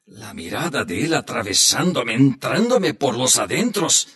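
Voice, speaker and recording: A man reading the part of an old grandfather telling his grandchildren a hunting tale, in a slow, heartfelt storybook manner. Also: mid-range voice, sing-song, a bit bright, husky, exaggerated voice. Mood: reminiscing.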